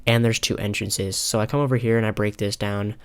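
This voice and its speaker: A young man calmly talking over a replay of his own ranked match, pausing often with filler ums. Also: lowish voice, smooth. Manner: halting, many filler ums, calm and analytical. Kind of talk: casual gameplay commentary. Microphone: console headset mic.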